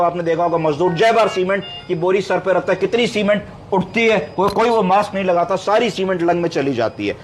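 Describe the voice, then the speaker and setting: Male doctor, higher-pitched voice, patient teaching lecture style, faint background hiss. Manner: explains step by step, asks and answers his own questions; mixes English medical terms into Hindi. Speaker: doctor teaching clinical medicine. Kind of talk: explanatory medical lecture.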